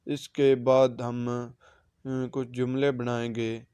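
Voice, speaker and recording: Man, native Urdu speaker, teaching a casual vocab lesson, flat even delivery, dry close sound. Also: mid-range voice, clear, resonant tone, dry recording. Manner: repeats each word slowly with its meaning. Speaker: Arabic language teacher.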